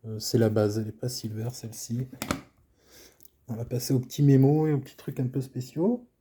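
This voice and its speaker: A man calmly showing his card collection in casual commentary, low-key and trailing off at phrase ends. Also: brisk, breathy edge.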